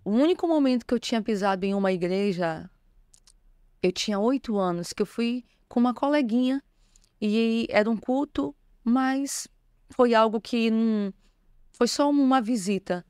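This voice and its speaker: A woman's voice: a little high, moderate pace, a little mellow, smooth, dry recording, studio quality. A woman, a bishop, telling her personal testimony in an interview, earnest and emotional. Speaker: bishop, guest.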